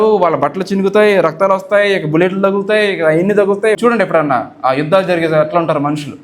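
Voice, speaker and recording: A man delivers a sermon as a pastor, his voice sitting high for a man. He keeps asking his listeners questions and then answers them himself. He acts out commanding prayers with force. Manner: forceful preaching with rhetorical questions, acting out prayers.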